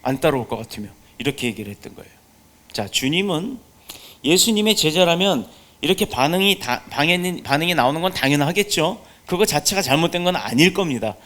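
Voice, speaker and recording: High-voiced man preaching with emphatic questions. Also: expressive, fairly quick, sharp tone. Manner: emphatic, full of rhetorical questions. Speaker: pastor. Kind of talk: sermon.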